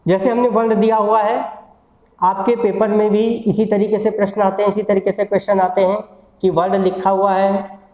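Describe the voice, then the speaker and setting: Mellow-voiced teacher repeating words slowly. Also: medium pitch, level tone, roomy sound, poor audio. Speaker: English teacher at a law institute. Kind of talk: recorded classroom lesson on phonetic symbols.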